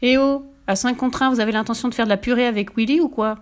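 A woman's voice: on the high side, fairly even intonation, fast, lightly acted. A woman voicing a cheeky, cheerful, fearless little girl in a storybook reading, bubbly and boastful. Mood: mocking.

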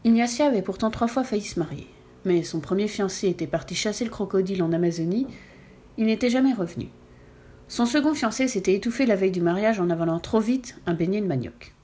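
A woman reading a children's story aloud with lively, expressive narration. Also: mid-range voice, fast.

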